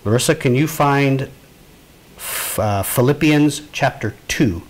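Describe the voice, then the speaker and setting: A man's voice: medium pitch, slow. A man teaching a Bible class in a conversational way, asking his students questions and calling on them to read. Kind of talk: informal Bible lesson to a class.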